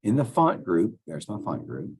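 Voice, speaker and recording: A man's voice: fairly low pitch, wildly swooping pitch, normal speed, darkish tone, breathy edge. A male teacher talking students through a computer task step by step, casual and thinking aloud as he clicks. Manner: step-by-step, talks while clicking. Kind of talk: screen-recorded software tutorial.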